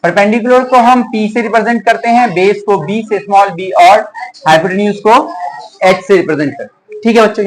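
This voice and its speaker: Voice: medium pitch, slight background noise, low-quality recording. A teacher giving a classroom math lesson, asking the pupils a question and then repeating the answer back to them. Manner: addresses pupils as children and dear.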